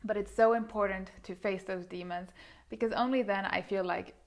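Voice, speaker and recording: Woman, 30, vlogger; earnest, thoughtful monologue to camera, mid-pitched, lots of hedging fillers. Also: fairly even intonation, moderate pace. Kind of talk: reflective casual monologue to camera.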